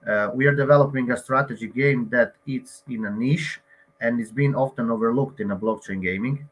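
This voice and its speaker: A man's voice: mid-range voice, normal speed. A man from Croatia, a game co-founder, giving an online presentation with frequent hesitations and fillers.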